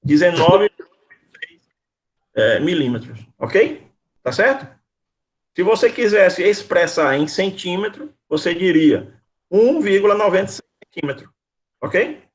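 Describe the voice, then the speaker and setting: A man's voice: sits high, expressive, unhurried, pauses often. A man teaching a university class over a video call. He quizzes his students, calls on them by name and repeats his questions patiently. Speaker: university lecturer.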